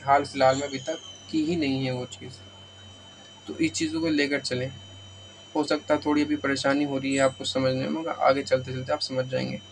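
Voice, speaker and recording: A man from India teaching an English lesson, explaining patiently and drawing out the English words slowly. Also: fairly high pitch, a little hiss or hum, poor audio. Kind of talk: spoken language lesson.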